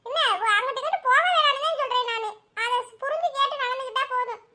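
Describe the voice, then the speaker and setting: A woman's voice: very high voice, fast, pushed and bright, heavily acted. A woman voicing an older cartoon mother who scolds firmly and comforts her family. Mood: firm, comforting. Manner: firm, scolding yet comforting.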